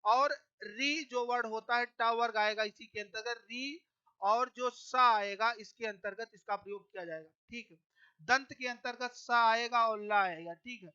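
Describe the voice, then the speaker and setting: Crisp, bright-voiced exam-prep teacher. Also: mid-range voice, normal speed, dull audio. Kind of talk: exam-prep lesson going through a solved test paper.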